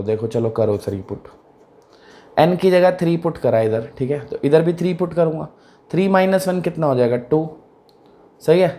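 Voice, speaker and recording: With a warm voice on the high side, a man teaches math in a relaxed, chatty way. He often repeats questions to see if the class understands.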